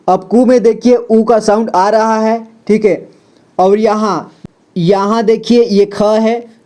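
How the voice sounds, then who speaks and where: A man teaching children's Hindi reading, sounding out syllables slowly and checking with "ठीक है" and "क्या पढ़ेंगे?". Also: high voice, mellow. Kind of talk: slow instructional explanation.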